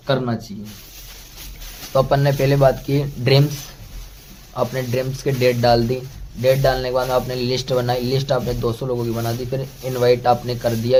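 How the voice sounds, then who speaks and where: A man's voice: mid-range voice, darkish tone, slight background noise. A man giving a motivational sales training talk, calling the listener "friend" and going through numbered steps one by one. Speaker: network marketing trainer.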